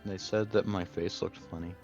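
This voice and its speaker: An easygoing man with a very low voice speaks casually as a player in a tabletop game, musing out loud. Faint music sits behind a slightly dull recording. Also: fairly even intonation, moderate pace. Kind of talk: casual role-play as a player.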